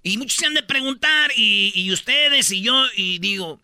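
A high-pitched Mexican man hosts a comedy radio show in a very bright voice. He jumps all over his range as he rambles through funny stories and trips over his own words. Faint music sits behind him. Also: lively intonation, moderate pace, creaky, smooth, no echo, clean studio sound. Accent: Mexican Spanish. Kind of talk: joking radio banter.

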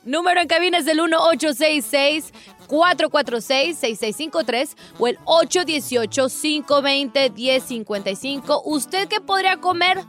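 A woman co-hosting a radio show, giggly and teasing, quick to react to the host. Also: high voice, fairly bright tone, faint music behind. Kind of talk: playful call-in radio banter. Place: radio studio. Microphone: studio microphone.

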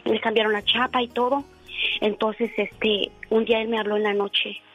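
A woman's voice: a little high, flat delivery, soft background music. Earnest woman caller on a dull radio line. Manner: earnest, halting, many fillers and restarts. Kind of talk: emotional personal story on a call-in show.

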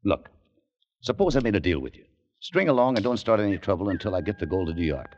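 A hard-boiled American adventurer. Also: male voice, lowish voice, big pitch swings, fast talker, darkish tone, slight background noise. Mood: wry. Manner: laconic, wry, hard-boiled. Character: American adventurer, dry and wary. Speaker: lead and narrator of the story. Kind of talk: 1940s radio acting. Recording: lo-fi old radio broadcast with music bed.

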